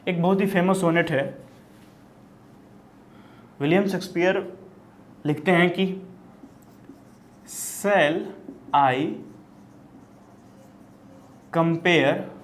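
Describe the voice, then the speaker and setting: A man's voice: fairly high pitch, a little hiss or hum. A male teacher with an Indian English accent gives an exam-prep literature lecture, mixing Hindi and English, repeating key terms and asking and answering his own questions. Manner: frequent "ठीक है?" checks with students.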